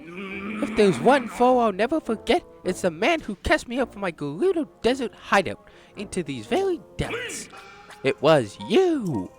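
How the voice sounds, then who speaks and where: A man's voice: high voice, huge pitch swings, measured pace, soft background music, voice pushed up, heavily acted. A man voicing a vengeful, bombastic male villain who leads a clan, delivered in a theatrical, declaiming way.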